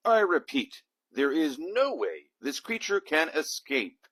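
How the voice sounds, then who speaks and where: A man's voice: a little high, sing-song, slow, fairly bright tone, no echo, studio quality, voice pushed up, heavily acted. A man voicing a greedy, boastful mouse professor in a grandiose, proclaiming manner for a storybook. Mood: confident, insistent.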